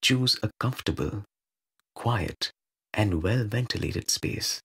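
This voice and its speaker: A man guides a meditation in a low, creaky, husky voice. Calm and measured, he offers soothing instructions in short phrases, leaving long pauses between them.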